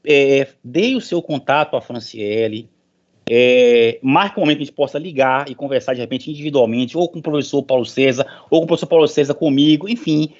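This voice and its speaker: Speaking fairly quickly in a mid-range voice, a middle-aged man who is a professor motivates listeners in an online meeting. His tone is informal and emphatic, with repeated phrases for stress, all captured on dull, lo-fi call audio.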